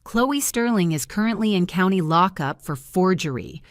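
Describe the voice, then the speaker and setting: Stern male sheriff, flat official delivery; woman narrator doing the voice, low and dry. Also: moderate pace, dry recording, close to an everyday voice.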